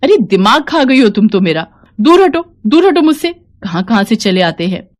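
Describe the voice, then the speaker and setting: A woman's voice: on the high side, normal speed, a little mellow, natural voice. A woman voicing a young daughter-in-law who becomes an arrogant government officer, by turns polite and sharply scolding. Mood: haughty anger.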